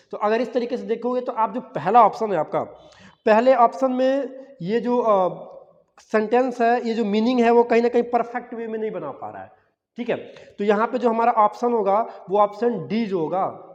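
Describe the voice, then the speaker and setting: Male exam-prep tutor, high voice, drills words by repetition; dull lo-fi audio with reverb. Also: a little mellow. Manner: repeats key words as questions to the class. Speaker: English teacher for exam prep. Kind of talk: explanatory classroom-style lesson.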